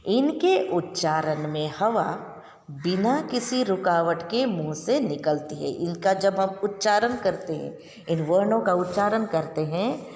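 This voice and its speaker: A woman teacher talks children through a grammar lesson at an unhurried pace, repeating every definition twice. Her voice is gravelly and sits a little low. It rings with a long reverb, and a faint noise runs behind it. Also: a little mellow. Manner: slow, patient, repeats each definition twice. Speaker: primary school Hindi teacher. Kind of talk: recorded classroom lesson for children.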